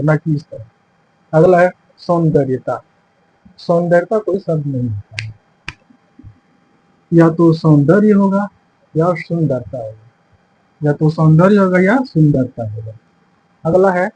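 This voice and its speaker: A man's voice: on the high side, a little mellow, a little hiss or hum, poor audio. A man teaching a lesson for exam preparation, explaining each point step by step and repeating the answers as quiz questions. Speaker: Hindi teacher.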